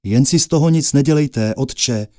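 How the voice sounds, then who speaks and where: A man's voice: medium pitch, warm tone, no room sound, clean studio sound, voice pushed up, natural voice. A man voicing a bold, very strong twelve-year-old boy in a fairy tale, speaking eagerly and raised. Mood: determined.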